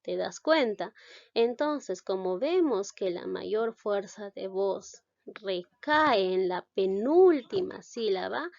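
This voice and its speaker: A woman's voice: medium pitch, expressive, slow pace, gravelly, darkish tone, no echo, dull audio. A woman teacher giving a spoken grammar lesson, stressing syllables and asking the class questions as she goes.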